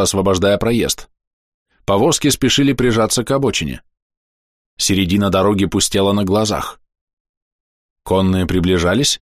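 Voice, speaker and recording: A man reading a fantasy novel aloud as an audiobook narrator, measured and expressive, slowing down for dramatic moments. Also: low voice, dry recording, studio quality. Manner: measured, expressive storytelling with slowed dramatic pauses.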